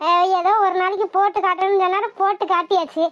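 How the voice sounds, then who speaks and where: A woman voicing a gentle young bride in a cartoon, speaking softly and placatingly. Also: very high-pitched, flat delivery, quick pace, no echo. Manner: soft, placating. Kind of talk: cartoon voice acting. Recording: dull lo-fi recording.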